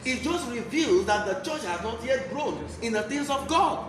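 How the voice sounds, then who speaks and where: The speaker is a Nigerian-accented preacher delivering Bible teaching, emphatic and prone to repeating important phrases. His very high voice has lively intonation and a moderate pace. The recording has room echo and clear background noise.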